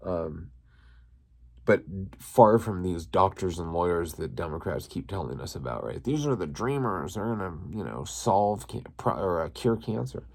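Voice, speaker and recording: A man's voice: low-pitched, animated, normal speed, gravelly, a little mellow. A man hosting his own channel, going on a crude, heated, swearing political rant. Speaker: channel host.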